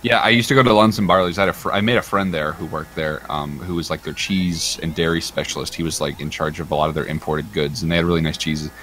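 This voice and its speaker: A man's voice: rumbling low, steady tone, fast, hardly any pauses, a bit bright, a little hiss or hum, low-quality recording. A man hosting a game livestream, telling a rambling, crude story while chatting casually. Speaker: livestream host.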